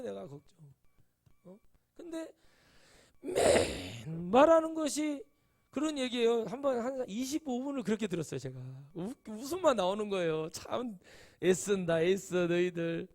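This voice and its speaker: A man's voice: high-pitched, creaky, a little mellow. A middle-aged male pastor giving a sermon, telling chatty stories and rising to emphatic exclamations. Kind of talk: sermon with anecdotes.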